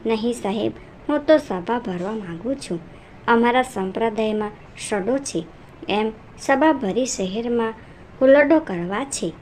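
A woman reading the lines of a calm, steadfast young man in a storybook narration, respectful and composed. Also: fairly high pitch, measured pace, slight background noise. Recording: narration over music.

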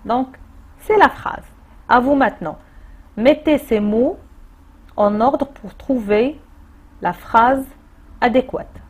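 A woman teacher with a Moroccan French accent, explaining a distance-learning grammar lesson slowly and patiently, repeating key points. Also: fairly high pitch, a little mellow, husky. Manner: slow, patient explaining with repetitions. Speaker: primary school teacher.

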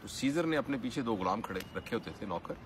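A man's voice: mid-range voice, expressive, a little fast, slight background noise. A man giving an earnest motivational talk in a preaching manner, rising to emphatic peaks. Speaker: motivational speaker.

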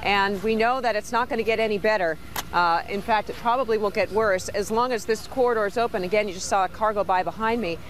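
A woman's voice: mid-range voice, fast talker. A woman in her thirties with an American accent giving a live field report outdoors. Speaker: TV news reporter. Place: outdoors on a snowy street.

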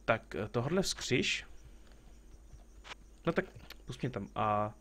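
Expressive and a bit bright, this man's medium-pitched voice comes through with slight background noise. He's a live streamer playing a game, chatting casually, joking with on-screen characters, and saying hello to viewers as they show up.

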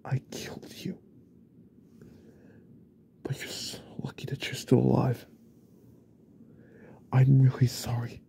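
A young man voicing an unstable, remorseful young husband in a whispered role-play, stammering and repeating himself in a husky, often whispered voice. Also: medium pitch, steady tone, unhurried, pauses often, warm tone, a little hiss or hum. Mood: pleading. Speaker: ASMR role-play creator.

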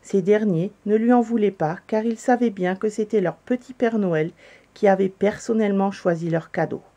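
Woman storyteller, calm children's story reading, mellow voice. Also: mid-range voice, normal speed. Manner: calm, gentle narration.

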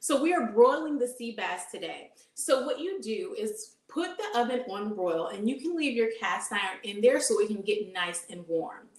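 A woman's voice: mid-range voice, lively intonation, moderate pace, few pauses. A woman in her thirties, a dietitian, giving an upbeat live cooking demonstration in a home kitchen and asking her audience questions. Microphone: camera at medium distance. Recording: echoey kitchen room sound.

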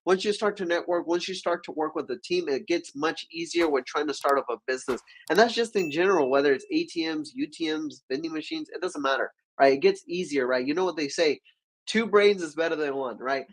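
In a low-quality recording, a livestream host with a fairly high, fairly quick voice teaches business from his cramped home studio with dark walls. He's young, congested from a cold, and energetic, using both hands as he speaks and repeatedly urging viewers to leave comments.

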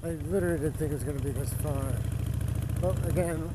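A man's voice: a little high, fairly quick. A man giving casual, easygoing commentary in short bursts from inside a helmet while riding a motorcycle outdoors. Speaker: motorcycle vlogger. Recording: loud motorcycle engine noise, helmet mic. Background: motorcycle engine.

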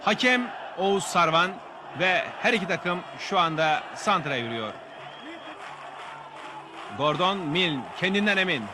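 High-pitched male football commentator, crowd behind. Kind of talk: scripted match highlights narration. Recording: loud crowd noise behind, noisy outdoor audio. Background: stadium crowd.

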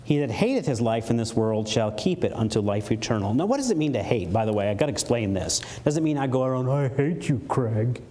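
A man preaching a sermon in a church, animated, acting out playful mock quotes as he explains a verse. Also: medium pitch, fast talker, few pauses. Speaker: pastor. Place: church sanctuary. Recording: faint background noise from a live stream.

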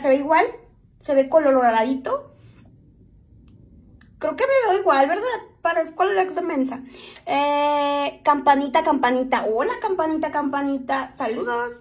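A high-voiced woman with a Mexican accent talks to her viewers in a casual, joking way while she does her makeup. She chats on and on and keeps addressing them as "chicas". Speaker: vlogger doing makeup on a live stream.

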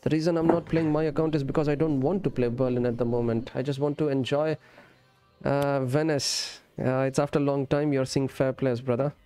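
A man with a dark, mid-range voice and little pitch movement talks fairly quickly in friendly, casual chat as he streams a game. He addresses viewers as friend and brother, shifts between English and Urdu, and has music playing behind him indoors.

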